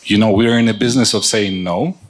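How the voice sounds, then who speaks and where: A man, a venture investor on a startup jury, answering in a measured way with a few restarts. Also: lowish voice, fairly even intonation. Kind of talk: panel answer at a startup event.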